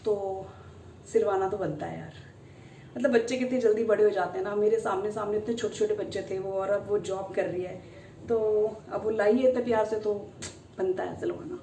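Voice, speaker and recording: A woman's voice: medium pitch, fairly quick, gravelly, warm tone, a little hiss or hum. A woman in her thirties chatting casually in a family vlog, rambling and laughing often. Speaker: family vlogger.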